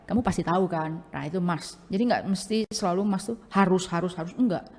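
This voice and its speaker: A woman's voice: lowish voice, brisk, a little mellow. A woman with an Indonesian accent teaching English grammar in a casual, chatty way, sprinkling English into her explanations with many fillers like oke and ya. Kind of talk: casual bilingual grammar lesson. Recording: long hall-like reverb.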